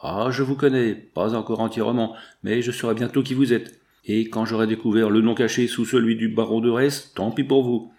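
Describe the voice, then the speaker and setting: A man's voice: mid-range voice, fairly even intonation, moderate pace, few pauses, darkish tone, close to an everyday voice. A man voicing a delirious young woman thief who shrills her accusations in an audiobook reading. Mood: frenzied accusing.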